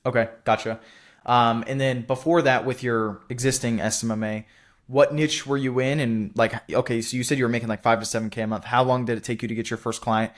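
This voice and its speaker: A man's voice: mid-range voice, fairly even intonation. Chatty male interview host. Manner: chatty, quick affirmations and loose phrasing. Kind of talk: casual interview.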